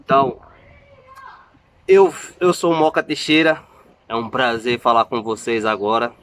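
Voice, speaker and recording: A man in his thirties from Salvador, Brazil, chats to his viewers in a casual family-vlog manner. He pokes fun at himself and restarts his sentences. His voice sits at an ordinary middle pitch. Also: expressive, unhurried, a bit bright, echoey room. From Salvador, Bahia, Brazil. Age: 30s. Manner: chatty, self-mocking, repeats and restarts. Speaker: family vlogger.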